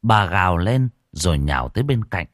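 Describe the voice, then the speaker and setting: Guy reading a spooky audiobook, low voice, really dry close sound. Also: moderate pace, no room sound. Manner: expressive storytelling. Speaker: audiobook narrator. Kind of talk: scripted horror story narration.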